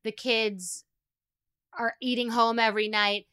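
Bright, clear-voiced woman explaining emphatically. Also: on the high side, flat delivery, unhurried. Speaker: podcast host, family law commentator. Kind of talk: explanatory commentary.

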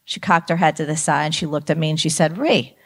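Lively woman telling a story. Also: sits low, fast. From New Jersey. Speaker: motivational speaker. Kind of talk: storytelling talk to students.

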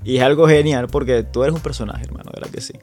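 Speaking fast in a mid-range, slightly mellow voice, a Venezuelan man hosts a tabletop gaming podcast. He's chatty and casual, often starting over and repeating words, and soft music plays in the background. His accent is Venezuelan Spanish.

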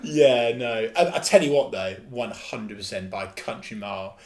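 A man's voice: fairly low pitch, normal speed. A man co-hosting a casual football podcast, talking emphatically and with enthusiasm, often repeating himself. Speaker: podcast co-host.

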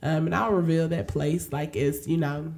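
A woman co-hosting a casual chat, expressive and playful. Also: deep voice, normal speed, creaky, a little hiss or hum. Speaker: co-host.

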